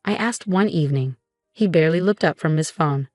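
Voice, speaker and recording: A woman reading a first-person story as scripted narration, in a steady, measured way. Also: low voice, no room sound, clean studio sound, faint music behind.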